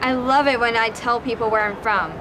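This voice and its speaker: A woman's voice: fairly high pitch, fairly even intonation, fairly quick, noisy background. A teenage girl, a student, reading her personal essay outdoors on a city street in a plain, matter-of-fact way. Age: teens. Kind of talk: scripted personal narration.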